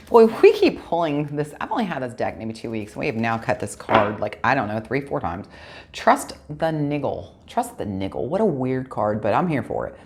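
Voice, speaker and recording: A woman's voice: extremely low pitch, big pitch swings, fairly quick, hardly any pauses, a little mellow, a little hiss or hum. A woman giving a casual tarot reading, chatting straight to her viewers and correcting herself aloud as she goes. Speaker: tarot reader.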